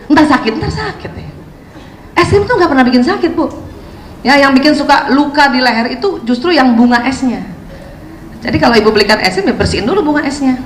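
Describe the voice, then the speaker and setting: A woman giving a lively, chatty talk on parenting to an audience of mothers and acting out scenes between mother and child. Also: sits high, a little fast, long pauses, slight background noise. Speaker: parenting speaker. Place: hall with an audience. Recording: echoey hall, faint ambience.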